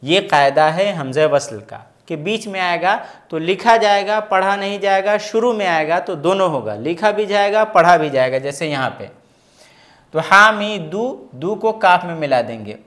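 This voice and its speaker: A man teaching an Arabic grammar lesson step by step, patiently asking questions and answering them himself, and reading example phrases slowly and carefully. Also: sits high, expressive, fairly bright tone. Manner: explains patiently, asks and answers his own questions.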